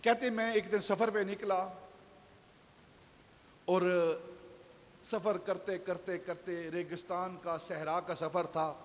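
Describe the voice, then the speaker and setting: Male preacher, high voice, long hall echo; storytelling delivery that builds to emphatic peaks. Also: flat delivery, long pauses. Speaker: pastor. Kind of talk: Friday sermon. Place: shrine mosque hall.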